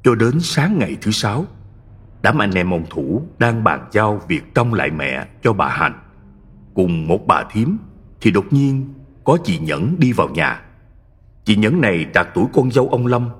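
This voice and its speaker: A husky-voiced man reading a horror story aloud in a dramatic, suspenseful manner. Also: on the low side, big pitch swings, unhurried, a bit bright. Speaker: narrator. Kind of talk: scripted horror story narration.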